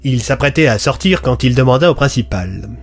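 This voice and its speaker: A man narrating a scripted audio story in steady storytelling fashion, with faint music behind. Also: medium pitch, a little fast, gravelly.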